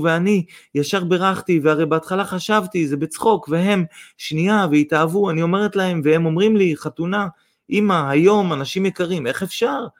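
A man voicing a talkative, excitable middle-aged mother who exclaims as she speaks. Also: a little high, pitched above the performer's own voice.

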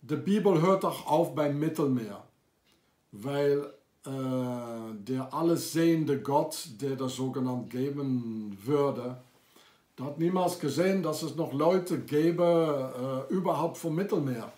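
A man's voice: mid-range voice, slow, dark tone, reverberant. A man delivering an accusatory, insistent monologue to camera, with frequent hesitations. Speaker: video maker. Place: lives in France.

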